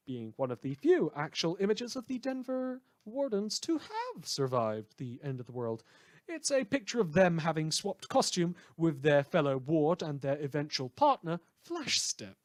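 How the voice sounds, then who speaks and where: In a fan audio drama, a performer with a medium-pitched voice plays a chatty, wry radio news host in a superhero world. The delivery is theatrical and teasing, rambling and self-correcting, with an amused, gossipy mood. There's no echo.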